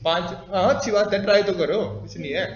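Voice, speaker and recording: A man's voice: high voice, fast. A man teaching a live class, quizzing and teasing his students as he explains. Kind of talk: classroom lecture. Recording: echoey classroom, dull lo-fi audio.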